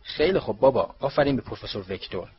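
A man's voice: medium pitch, animated, breathy edge, dull audio. A man voicing a sulky, sarcastic teenage boy who grumbles. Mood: grumbling.

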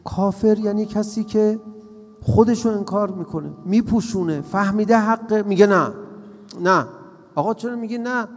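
A man preaching a sermon to a crowd, asking rhetorical questions and repeating lines for emphasis. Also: high voice. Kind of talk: religious sermon. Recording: reverberant hall with faint music.

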